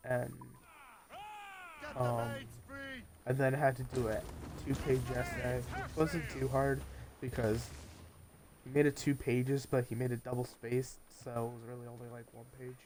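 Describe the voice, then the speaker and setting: At a measured pace and with little variation in pitch, the teenage streamer chats and rambles while gaming live. His mid-range voice sounds nasal and stuffed up from post-nasal drip.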